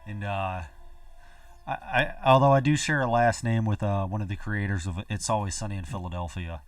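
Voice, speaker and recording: A man's voice: lowish voice, moderate pace, far from the mic, soft background music. A young man chats loosely over a game and tells stories with easy laughs and blunt swearing. He sits a bit back from the microphone. The sound is dry and close, with no room echo. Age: young adult. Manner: laughing storyteller, swears freely. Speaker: co-host of a gaming video. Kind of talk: casual chat while gaming.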